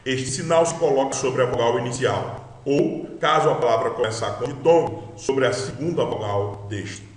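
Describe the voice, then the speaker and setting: A man gives a recorded lesson, his voice sitting at an ordinary middle pitch. He explains patiently, says words over slowly and keeps checking in with listeners. The room around him rings with noticeable echo. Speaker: teacher. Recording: roomy echo.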